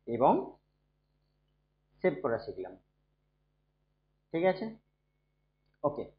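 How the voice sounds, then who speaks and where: A man who is unwell, teaching a computer lesson slowly and softly, often asking his students if they follow. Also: fairly high pitch. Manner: slow, soft-spoken, checks in often with students. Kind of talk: screen-recorded computer lesson. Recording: dull, echoey room recording.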